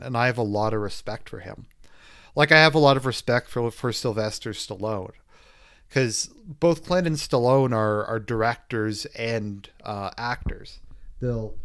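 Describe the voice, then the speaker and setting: A man giving a loose, casual spoken movie review as he rambles through the plot. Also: mid-range voice. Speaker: film reviewer.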